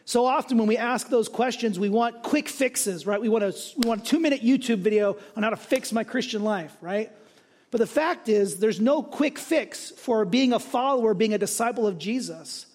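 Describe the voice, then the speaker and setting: A man with a high, light voice preaches a sermon in church. His delivery is conversational, and he often asks his listeners a quick question to check they are following. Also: darkish tone. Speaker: pastor.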